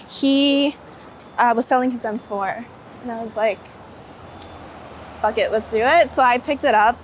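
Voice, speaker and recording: A street photographer is interviewed while walking outdoors on a city street, chatting casually and enthusiastically and saying "like" a lot. Her voice is a little high. Street ambience and passing vehicles fill the background, and there's a little hiss or hum.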